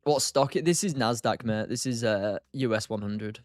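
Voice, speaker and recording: A man's voice: medium pitch, moderate pace, dry recording. Tired man thinking aloud on a stream. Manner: thinks aloud, trails off, answers chat. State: tired, short on sleep. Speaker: streamer, day trader. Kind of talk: casual live-stream commentary.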